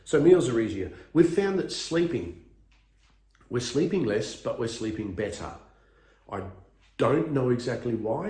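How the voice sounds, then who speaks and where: A man's voice: fairly low pitch, mellow. Chatty man in his fifties, echoey room. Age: 50s. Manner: self-deprecating, chatty, laughs at himself, frequent fillers. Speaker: vlogger. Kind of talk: casual self-recorded vlog.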